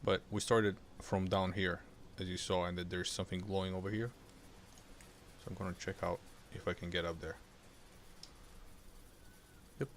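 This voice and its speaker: Gravelly deep-voiced man streaming a game. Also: little pitch movement, normal speed, pauses often, slight background noise. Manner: chatty, explaining the game as he plays. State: getting over a cold. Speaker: gaming streamer. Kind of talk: casual gameplay commentary.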